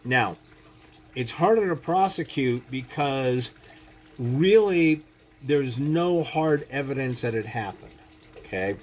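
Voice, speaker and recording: A man's voice: medium pitch, animated, slow. A man giving a casual spoken lesson on self-defense, talking bluntly with frequent "you know" and "okay?" and swearing casually. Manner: acts out quoted speech.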